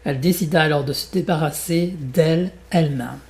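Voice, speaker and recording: A French-accented man teaches the language by reading a fairy tale aloud, then guides learners through exercises in a slow, deliberate way. His voice is a little high and a little mellow.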